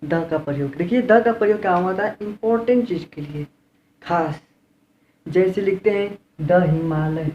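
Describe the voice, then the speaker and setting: A man with an Indian accent teaching English grammar in a classroom style. He repeats key words and keeps asking rhetorical questions. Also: high-pitched. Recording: roomy, dull lo-fi with faint room noise.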